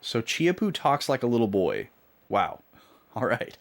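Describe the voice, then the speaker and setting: Slow-talking male game streamer. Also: medium pitch, big pitch swings. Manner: thinking aloud, jokey, note-taking. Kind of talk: casual gameplay commentary.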